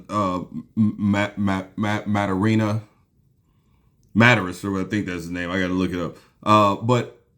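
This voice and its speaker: A lower-pitched man talking hoops in a loose, rambling way, full of ums and half-restarted sentences. He sounds easygoing and unhurried, like he is just hanging out and taking the odd sip of beer between thoughts. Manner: sipping a beer while talking. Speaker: basketball podcast host. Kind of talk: casual solo sports talk.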